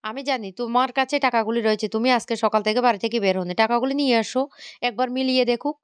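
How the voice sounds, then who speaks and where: A woman's voice: fairly high pitch, steady tone, rapid-fire, clear, resonant tone, dry recording, close to an everyday voice. A woman reading the lines of a young husband caught between his wife and his family, sounding exasperated and pleading.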